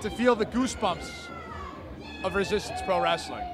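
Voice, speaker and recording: Male ring announcer, high-pitched, enthusiastic and conversational, giving a casual interview with crowd noise behind. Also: normal speed. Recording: outdoor urban crowd and traffic noise.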